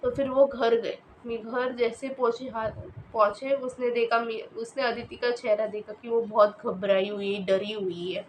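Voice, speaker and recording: Woman, casual horror storytelling, hesitant, fillers, slightly high voice. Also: fairly even intonation, moderate pace, slight background noise, low-quality recording. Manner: hesitant, with many fillers and restarts.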